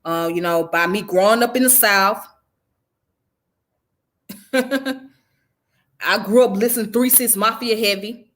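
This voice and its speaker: A woman's voice: mid-range voice, measured pace, long pauses, fairly bright tone. A woman who grew up in the American South, giving blunt, profane, conversational commentary on her own channel. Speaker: channel host. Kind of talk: casual commentary vlog.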